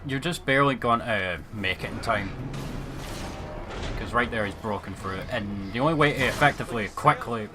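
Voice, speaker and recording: A man casually commentating a co-op game, sarcastic and swearing, with quick asides. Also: fairly low pitch. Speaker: host of a gaming channel. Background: game music.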